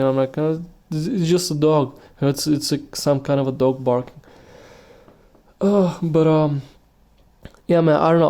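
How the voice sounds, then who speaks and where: A man with a medium-pitched, mellow, clear and resonant voice hosts a solo podcast. He talks casually and rambles, with many restarts and fillers.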